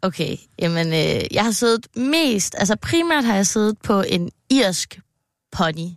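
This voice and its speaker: A woman's voice: medium pitch, sing-song, dry recording, studio quality. A woman with a North Jutland accent, a podcast guest who talks hesitantly and plays along. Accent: North Jutland Danish. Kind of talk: casual comedy podcast chat.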